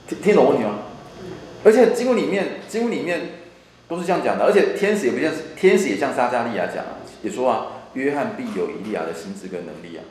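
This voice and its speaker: A man with a medium-pitched, darkish voice teaches a church Bible class, repeating and restarting phrases as he explains. The Bible study lecture is recorded in an echoey room with a faint hum.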